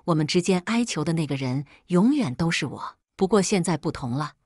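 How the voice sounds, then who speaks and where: A woman's voice: sits low, lively intonation, brisk, a little mellow, no echo, studio quality. A woman narrating a first-person melodrama story in a cool, bitter storytelling manner.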